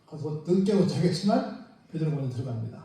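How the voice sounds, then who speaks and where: A man's voice: fairly high pitch, very animated, fast, warm tone. A man preaching a sermon as pastor, retelling the story with acted-out quotes and questions to the congregation. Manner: storytelling, acting out the disciples and Mary in quoted speech; asks the congregation frequent rhetorical questions. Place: church sanctuary. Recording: very echoey church room, mic at a distance.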